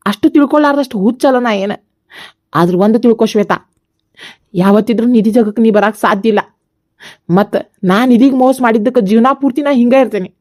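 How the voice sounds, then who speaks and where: Cartoon voice, grieving young village man, North Karnataka accent, mournful and firm, slightly high voice, as a woman acts him. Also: mellow, natural voice. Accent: North Karnataka Kannada. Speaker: cartoon voice actor. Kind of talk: cartoon comedy voice acting.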